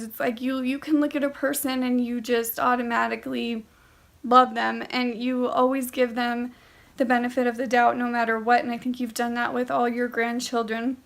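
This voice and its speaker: A young woman recording a heartfelt birthday video message to her grandmother, hesitant and full of fillers, turning tearful. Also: on the high side. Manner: hesitant, many fillers and restarts.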